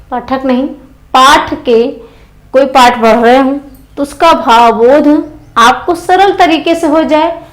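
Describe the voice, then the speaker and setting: A woman teacher's high voice carries an exam-prep grammar lesson. She goes step by step, repeats key phrases for emphasis and asks her students questions before she answers them herself. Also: poor audio.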